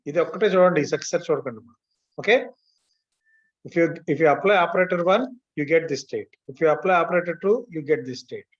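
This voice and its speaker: Speaking fast and animatedly in a voice on the high side, this Telugu-accented man walks an online class through the material one step at a time. He switches between Telugu and English, keeps asking whether students are with him, and comes through on dull, lo-fi audio.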